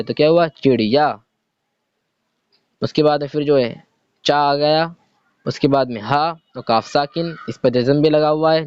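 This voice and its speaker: A man with a slightly raised pitch leads a reading lesson, patiently walking through each letter and sounding words out slowly. The recording is dry and close, with a dull, muffled lo-fi tone. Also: dry recording. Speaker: Urdu reading teacher.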